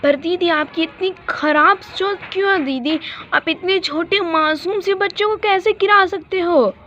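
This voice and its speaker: A woman voicing a gentle, kind younger sister in a doll-play story, earnest and pleading. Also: very high-pitched, a little slow. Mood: reproachful. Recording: dull lo-fi recording.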